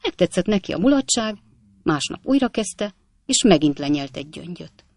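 A woman voicing a flippant young male medical student who tells gruesome stories in a breezy, animated way. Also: lowish voice, no room sound. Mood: breezy boastful.

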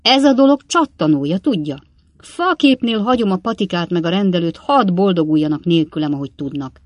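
A reader voicing a boisterous, reckless young male apothecary in an audiobook, loud and excitable. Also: mid-range voice, no room sound, natural voice. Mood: gleeful. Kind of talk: audiobook character voice.

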